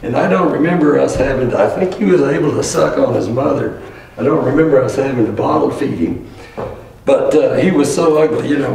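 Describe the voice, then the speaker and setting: A male rancher poet with a creaky, gravelly voice delivers cowboy poetry and its tales in a plain-spoken way. The recording is very echoey, picked up from well away from the mic. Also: medium pitch, a little mellow. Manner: plain-spoken rhymed storytelling. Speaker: rancher poet telling stories on stage. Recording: roomy echo, distant mic, faint noise.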